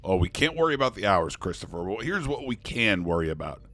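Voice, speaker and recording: Fast and very animated, a man with a deep, sharp-toned voice chats on his live poker stream, thanking viewers and joking around in the role of a starship commander.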